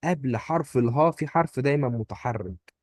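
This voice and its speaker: Male tutor, Egyptian accent, mid-pitched, patient drill style, dry recording. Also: expressive, brisk, a little mellow, no room sound. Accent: Egyptian Arabic. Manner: patient, drills words by repeating them. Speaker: German language teacher. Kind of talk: one-on-one pronunciation lesson.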